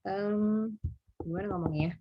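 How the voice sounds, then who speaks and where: A woman tutors English over a video call, pausing often and thinking aloud as she explains. Her voice is husky and sits at a middle pitch. The sound is dry and dull, as on a call. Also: no room sound. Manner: hesitant, thinking aloud with many fillers. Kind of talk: online English lesson. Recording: muffled video call audio.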